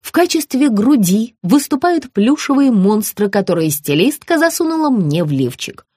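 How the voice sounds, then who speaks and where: Expressive woman reading a comic audiobook. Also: on the high side, normal speed, slightly rough, dry recording, studio quality. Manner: wry, expressive. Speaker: audiobook narrator. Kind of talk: first-person comic audiobook narration.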